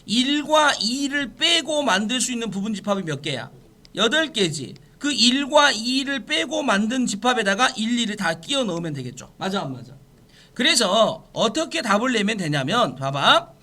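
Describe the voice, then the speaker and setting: Brief: male math teacher, high bright voice, animated, keeps asking if students follow. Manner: checks understanding with quick questions, mixes polite and casual speech. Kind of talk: classroom math lecture.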